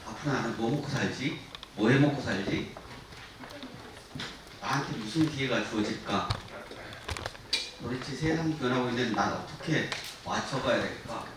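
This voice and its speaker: A man in his sixties who heads a production company gives an informal guest lecture to university students in a lecture hall. His mid-range voice moves at normal speed with frequent pauses, and he is frank, self-deprecating, and full of fillers. A distant mic picks him up amid echo and noise.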